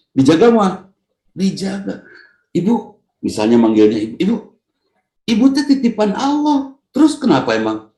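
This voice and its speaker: Male preacher, Sundanese accent, mellow tone, lively storytelling sermon, roomy echo. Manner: lively storytelling, jumps to a high voice to act out lines; addresses listeners by name. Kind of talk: Islamic study sermon.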